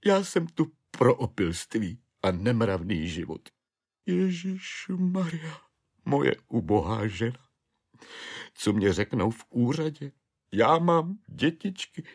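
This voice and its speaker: A man's voice: mid-range voice, lively intonation, creaky, darkish tone, voice pushed up. A man voicing a despairing middle-aged clerk and father, who pleads and wails in self-pity. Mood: sobbing. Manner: wailing, pleading, self-pitying.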